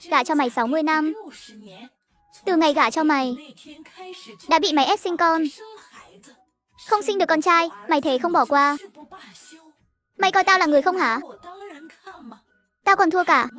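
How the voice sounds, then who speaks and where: Woman voicing a sharp-tongued old wife in a cartoon, high voice. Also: moderate pace, pauses often, soft background music. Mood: furious. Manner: shouting insults, scolding. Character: fierce elderly wife fighting back.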